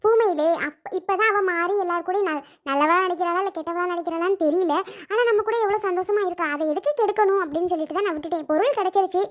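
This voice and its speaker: A woman's voice: very high-pitched, quick pace. A woman voicing a middle-aged village housewife in a cartoon, who is patient and explains herself at length. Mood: calm. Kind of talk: Tamil village cartoon voice acting.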